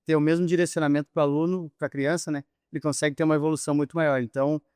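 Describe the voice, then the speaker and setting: A man's voice: fairly high pitch, little pitch movement, very fast, darkish tone, clean tone, no room sound, clean studio sound. A man, a physical education teacher, answering interview questions in a thoughtful, hesitant way with many fillers.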